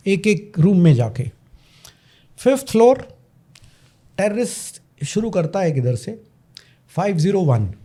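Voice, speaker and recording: A man's voice: sits high, big pitch swings, slow, long pauses, warm tone. A man, a podcast guest telling a story dramatically and repeating lines for emphasis. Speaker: podcast guest, parenting coach.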